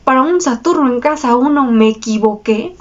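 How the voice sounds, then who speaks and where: A woman's voice: sits high, normal speed, lo-fi sound. A woman with a Mexican Spanish accent, hosting her astrology channel and telling a personal story in a chatty, confessional way. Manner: chatty and confessional, slangy, with frequent laughs and tag questions. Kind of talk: casual personal storytelling to viewers.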